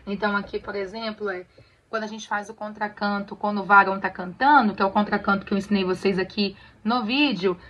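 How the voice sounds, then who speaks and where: A Brazilian woman gently teaching church choir singers to read sheet music, often checking they follow along. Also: medium pitch, fairly even intonation, brisk, muffled recording. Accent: Brazilian Portuguese. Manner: friendly, explains patiently with many "tá bom?" checks. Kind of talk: casual tutorial on reading sheet music.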